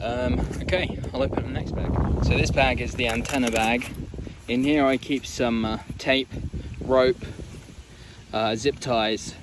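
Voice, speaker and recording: An amateur radio operator and video presenter casually shows off portable radio gear out in open countryside, speaking in an informal, practical, slightly hesitant way. His voice is mid-range and steady, with an unhurried pace. Wind buffets the noisy outdoor microphone.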